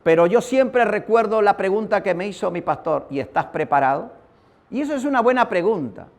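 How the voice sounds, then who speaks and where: Preacher guy, pretty high voice, tells stories, calls everyone brother. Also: animated, a little fast. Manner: storytelling, addresses listeners as brother. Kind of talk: sermon with personal testimony.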